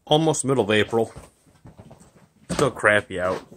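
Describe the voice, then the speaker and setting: Unhurried and expressive, this vlogger's lowish, fairly bright voice carries a casual walkthrough of his garage and yard, partly outdoors. He films on his phone while talking offhandedly, rambling with fillers, and there's slight background noise.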